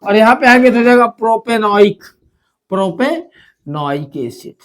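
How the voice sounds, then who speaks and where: A man's voice: very high-pitched, little pitch movement, brisk. A man teaching a chemistry lesson, repeating key terms and asking and answering his own questions. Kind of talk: classroom lesson explanation.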